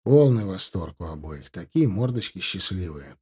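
Man, audiobook narrator, husky, dark mellow tone, lively intonation. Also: low voice, normal speed. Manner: reflective, conversational. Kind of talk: first-person audiobook narration.

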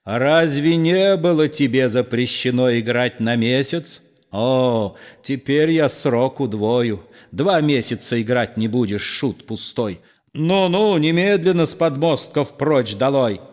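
A fierce, swaggering swordsman-poet, as a man reads him aloud, scornful and threatening. He drawls his insults slowly in an audio-play reading. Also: medium pitch, lightly acted. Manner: scornful, threatening, mocking politeness.

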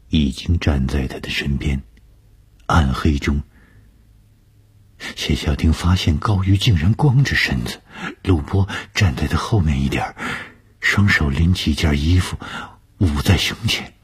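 Very deep husky male storyteller. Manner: slow, drops to hushed whispers for suspense. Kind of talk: radio storytelling.

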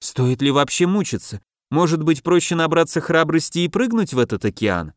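A man narrating a first-person audiobook in a calm, measured, contemplative manner. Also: on the high side, no room sound, clean studio sound.

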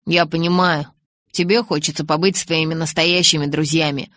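Picture a teenage boy from a storybook, half teasing and half hurt, who leans in and won't let a question drop, as a woman narrator voices him. He talks with a low, steady voice and a louder push than the surrounding narration. It is a dry, close recording with no room around it. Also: moderate pace, no echo, lightly acted. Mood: earnest. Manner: pleading, then moping and pressing.

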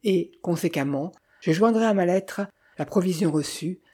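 A reader narrating a first-person detective novel in a measured, steady storytelling manner. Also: medium pitch, slightly rough. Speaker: audiobook narrator.

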